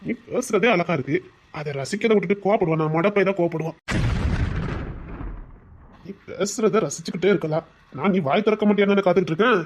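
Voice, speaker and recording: A woman's voice: fairly low pitch, a little hiss or hum, natural voice. A woman voicing a playful young man in love, a former rowdy now working as a bank manager, in a Tamil audio drama. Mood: tender teasing. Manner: fast, playful, coaxing.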